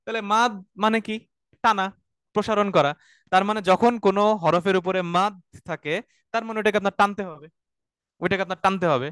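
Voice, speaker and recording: A man with a Bangladeshi accent teaches an online Quranic Arabic class. His voice sits high and sounds smooth and clear. The recording is close and dry, with no room sound. He explains patiently and keeps checking that his students follow. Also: a bit bright, no echo. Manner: explains slowly, often asks "right?", has students repeat verses.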